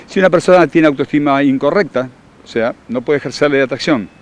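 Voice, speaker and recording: Un hombre con acento argentino que da talleres y explica con tono seguro, didáctico y enfático. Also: male voice, a little high, quick pace. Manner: confident, instructive, emphatic. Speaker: workshop leader and therapist. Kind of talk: explanatory interview answers.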